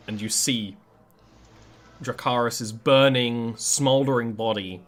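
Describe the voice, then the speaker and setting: A man narrating a tabletop game as game master in a casual, improvised and somewhat halting way. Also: lowish voice, fairly bright tone.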